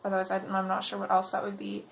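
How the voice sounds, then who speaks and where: A woman hosting a casual coloring tutorial, thinking aloud in an unhurried way, her voice slightly off from a mild sore throat. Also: medium pitch, completely flat delivery. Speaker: host of a coloring tutorial video. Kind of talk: casual tutorial chat while working. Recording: clear background noise.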